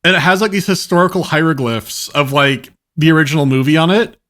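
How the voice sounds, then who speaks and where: A man in casual podcast banter, telling stories in an animated way. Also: a little high, fairly quick. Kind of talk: casual banter among friends.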